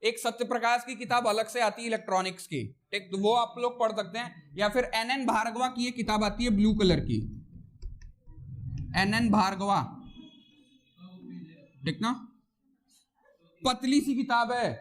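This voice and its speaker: High-voiced male physics teacher. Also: a little slow, pauses often. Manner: chatty, repeats "theek na", scolds and teases students. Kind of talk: classroom lecture. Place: classroom with students.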